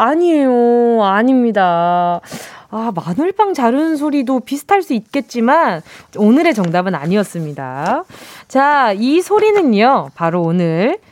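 A woman's voice: a little high, a little mellow, dry recording, studio quality. A woman hosting a radio show, chatting playfully and teasing listeners as she reads their answers. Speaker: radio host. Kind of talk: casual radio chat.

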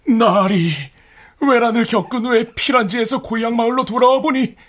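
High-pitched, anguished peasant petitioner. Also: female voice, a bit bright. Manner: deferential, emphatic, anguished pleading. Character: desperate peasant petitioner of old Korea, pleading bitterly. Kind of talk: historical radio drama acting.

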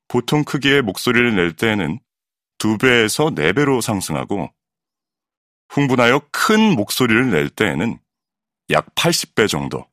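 A man with a very low voice reads an educational audiobook, his pitch rising and falling lively from phrase to phrase. The delivery is clear and measured, like a patient explanation, recorded close on a studio mic in a dry space. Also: no room sound. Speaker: voice actor reading an audiobook. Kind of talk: scripted educational narration.

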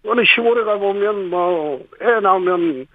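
A man with a high, husky voice explains policy step by step, pausing on "uh" as he lays out each point. He comes through a tinny phone line with a dry, close sound. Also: no room sound. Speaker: city government official interviewed. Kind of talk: explanatory radio interview answers.

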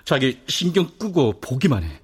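An actor playing a protective, determined husband who speaks low and deliberately. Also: male voice, wildly swooping pitch, husky, heavily acted.

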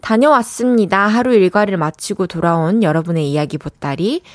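Reading texts from listeners on her radio show, this young host responds warmly and keeps the chat going. She speaks at an ordinary speed in a mid-range voice, and the studio mic catches no room sound.

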